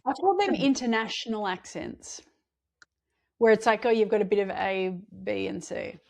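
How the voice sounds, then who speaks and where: A woman co-hosting a casual chat podcast, chatty with quick self-mocking asides. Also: mid-range voice, gravelly, darkish tone. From Australia. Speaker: podcast co-host. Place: home or work, remote recording.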